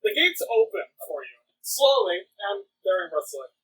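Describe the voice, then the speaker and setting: A man's voice: high-pitched, huge pitch swings, moderate pace, a bit bright, breathy edge, poor audio. A man narrating as game master of a tabletop game, drawing out his descriptions and laughing along.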